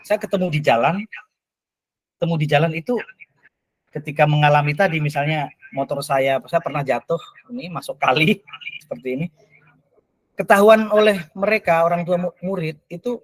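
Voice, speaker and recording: Animated Indonesian teacher telling stories. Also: male voice, moderate pace, pauses often, no room sound, rough recording. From Lampung, Indonesia. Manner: animated storyteller, rises in pitch when excited. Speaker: teacher, invited guest speaker. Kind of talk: casual talk-show answer.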